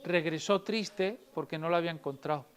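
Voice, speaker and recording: A woman storyteller reading and telling tales to children in a library, lively and asking them questions. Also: fairly low pitch, a little fast.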